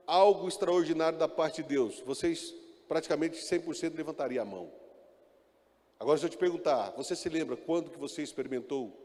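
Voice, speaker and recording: A pastor preaching a sermon in church, calling out to the congregation and mixing in joking asides. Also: male voice, a little high, dark tone. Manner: calls out to the congregation, often asking "amen?". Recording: echoey church hall reverb.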